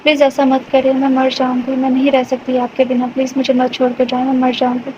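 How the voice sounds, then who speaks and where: Desperate young bride, trembling and pleading, read by a woman in a high, flat voice; lo-fi, faint hiss. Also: lightly acted.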